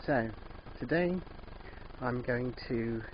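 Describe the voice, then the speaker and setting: Older man with a thick sore-throat voice. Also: medium pitch. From England. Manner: hesitant, unhurried, halting. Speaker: DIY van converter presenting. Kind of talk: casual hands-on vlog narration. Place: in and around a van. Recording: dull muffled sound, background vehicle noise.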